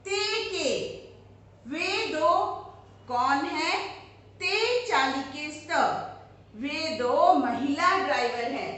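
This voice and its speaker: A woman teacher giving a lesson, explaining step by step and saying words slowly so students can repeat after her. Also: high-pitched, a bit bright, very echoey. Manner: slow, clear, repeats words for students to follow.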